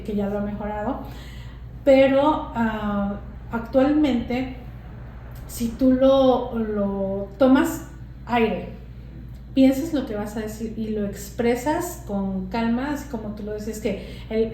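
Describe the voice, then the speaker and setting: A woman talks as a guest English teacher, working through her points with examples and little pauses. Her voice sits a bit high with a mellow, dark tone. The room around her rings with heavy echo, and a faint noise lies under it. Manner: explanatory, gives examples, pauses to find words. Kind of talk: casual conversational interview.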